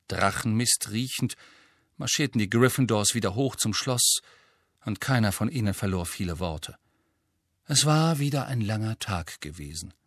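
A man's voice: mid-range voice, no echo. Man narrating an audiobook, dry studio sound. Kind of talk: scripted narration.

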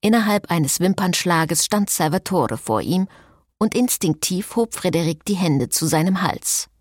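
A woman reading an audiobook in scripted narration with a lively, wry manner. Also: on the low side, unhurried, dry recording, clean studio sound.

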